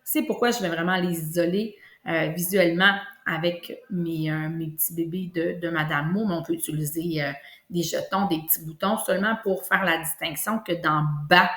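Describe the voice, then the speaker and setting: A woman with a Québécois French accent, teaching a kindergarten lesson and slowly stretching out sounds for young children. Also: fairly low pitch, a bit bright. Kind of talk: classroom lesson video. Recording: echoey room.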